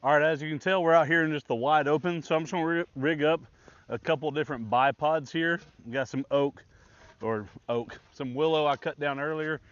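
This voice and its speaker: A man's voice: a little high, brisk, a bit bright. A man chatting casually and easygoing to camera as he works at a campsite in the open, out in windy conditions. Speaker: outdoor camping vlogger. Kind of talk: casual chat to camera while working. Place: outdoors in the open by a pond in gusty wind. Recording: dull, lo-fi outdoor camera audio.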